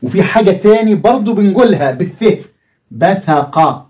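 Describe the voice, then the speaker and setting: A man's voice: sits high, animated, moderate pace, a little mellow. A man with an Egyptian Arabic accent teaching a lesson, asking the viewer questions and answering them himself. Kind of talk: explanatory video lesson.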